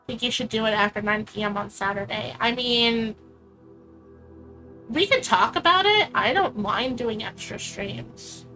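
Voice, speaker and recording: A woman's voice: on the high side, unhurried, bright, forceful tone, soft background music. A woman co-hosting a casual live stream, rambling and giggly, often trailing off mid-sentence. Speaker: stream co-host.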